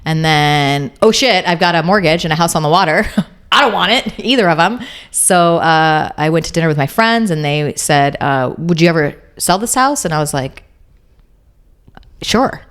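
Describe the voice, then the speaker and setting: A woman co-hosting a casual podcast with a somewhat low voice. She talks in a loose, jokey, rambling way. Her sentences often restart and trail off. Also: expressive, moderate pace, fairly bright tone, clean tone. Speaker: podcast co-host. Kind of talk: casual chat.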